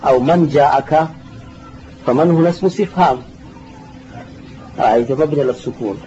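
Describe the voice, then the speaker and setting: A man's voice: on the high side, a little fast, mellow. A man teaching a classroom grammar lesson, patiently repeating key terms and answering students' questions. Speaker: sheikh teaching Arabic grammar. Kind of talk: classroom lesson explaining a text. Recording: dull lo-fi recording with faint hiss.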